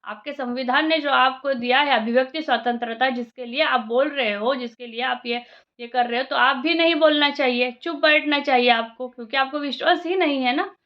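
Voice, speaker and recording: High-voiced woman scolding in a reaction vlog. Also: normal speed, highs cut off. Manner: indignant, scolding, rhetorical questions; mixes in English phrases. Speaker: vlogger reacting to a video. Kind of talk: heated reaction monologue.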